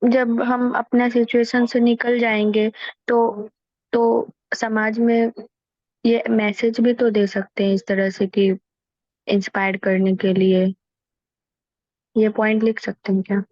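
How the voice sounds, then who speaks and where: A woman's voice: fairly high pitch, level tone, slow, pauses often, a little mellow, no echo, dull audio. A woman student asking tentatively whether her point can be used, in an online class.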